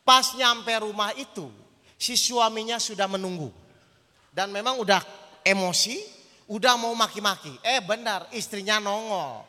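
Male preacher with a very high, piercing voice, animated sermon, long hall reverb. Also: measured pace. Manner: animated, questions the audience often. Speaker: Islamic preacher (ustadz). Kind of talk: sermon with storytelling. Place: hall with an audience.

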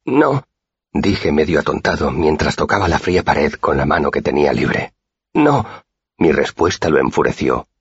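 Very deep husky male audiobook narrator. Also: no room sound. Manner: steady, measured first-person storytelling. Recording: dull lo-fi dry recording.

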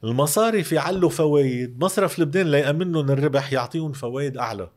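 Male Lebanese economic commentator, interview guest, quick delivery, emphatic and explanatory. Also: a little high, a little mellow. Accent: Lebanese Arabic. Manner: emphatic, uses rhetorical questions.

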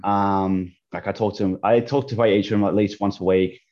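A man from Australia in his thirties joins a podcast by call for a casual chat, hesitant and peppered with ums and restarts. His lowish, slightly mellow voice keeps fairly even intonation at normal speed, and the audio is dull.

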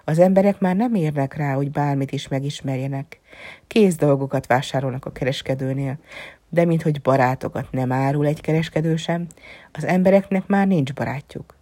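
Woman doing a male fox, gentle, lonely, wise, low breathy voice, half-whispered, storybook reading. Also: dry recording. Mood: musing. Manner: soft, musing, often dropping to a whisper.

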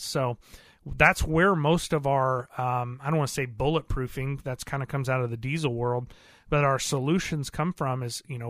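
A man's voice: medium pitch, a bit bright, dry recording, clean studio sound. A man who owns an auto repair shop, talking in an earnest, plain-spoken and rambling way, with many fillers. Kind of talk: casual interview talk.

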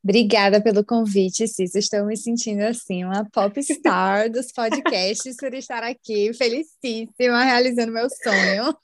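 A woman's voice: fairly high pitch, unhurried, few pauses, no echo. A woman, a guest chatting in a podcast interview and using many fillers. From Brazil. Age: 20s. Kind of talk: casual interview chat.

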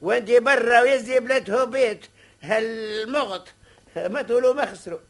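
An actor in an old Tunisian radio show comedy playing a fussy, scolding, taunting Hajj with a Tunisian accent. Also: male voice, extremely high pitch, normal speed, fairly bright tone, full character voice. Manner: theatrical, bantering, argumentative.

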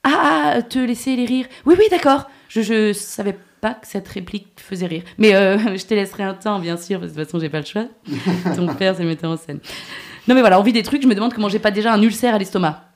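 A woman tears through a comic radio rant at a rapid clip. Her delivery is exasperated and animated, with plenty of swearing. Her voice sits at an ordinary middle pitch. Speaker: comedy columnist. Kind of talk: ranting comic chronicle.

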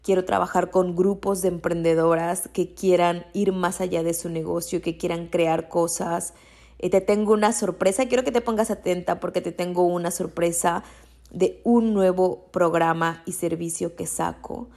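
Low gravelly Mexican woman coaching. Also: steady tone, moderate pace. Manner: warm, encouraging, repeats key phrases. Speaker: coach for women entrepreneurs. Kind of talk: motivational podcast talk.

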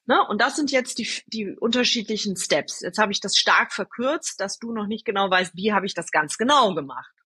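A woman guest in a podcast interview, telling personal stories in a lively way, answering her own rhetorical questions and speaking straight to the listener. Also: medium pitch, normal speed, few pauses, breathy edge. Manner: addresses the listener directly. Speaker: storytelling guest.

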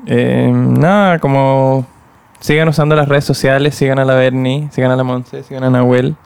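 Young man, podcast co-host, halting, easygoing, smooth resonant voice, creaky edges. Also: medium pitch, steady tone, darkish tone. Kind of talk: casual chat.

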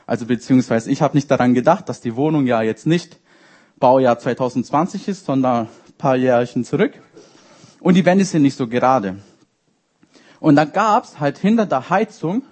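A young man, a youth leader, preaching a sermon in a lively storytelling way and speaking directly to the congregation. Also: mid-range voice. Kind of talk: sermon with personal anecdotes. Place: church service.

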